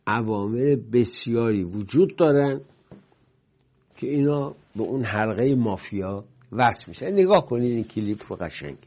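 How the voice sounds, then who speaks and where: A male host delivers political commentary in a warm, mellow voice. He rambles from one anecdote to the next, lifting his voice now and then for emphasis. The recording sounds dull and lo-fi. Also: mid-range voice, expressive. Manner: rambling, digressive storytelling with emphatic swings in loudness.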